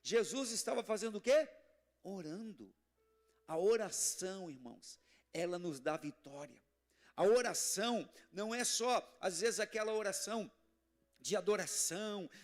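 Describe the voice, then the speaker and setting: A Brazilian man, a pastor, preaching a fervent sermon in a church service and calling out questions for the congregation to answer. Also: high voice. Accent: Brazilian Portuguese.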